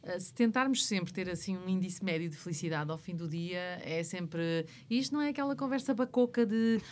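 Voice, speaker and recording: Lively woman in her fifties. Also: fairly low pitch, brisk. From Porto, Portugal. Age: 50s. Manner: lively, laughs often, talks in long reflective runs. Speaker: guest. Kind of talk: casual podcast chat.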